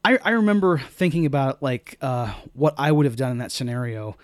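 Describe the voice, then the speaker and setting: A man's voice: mid-range voice, fairly quick, no echo. A man co-hosting a casual movie podcast, rambling with lots of fillers and restarts. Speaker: podcast co-host. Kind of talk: casual movie-review chat.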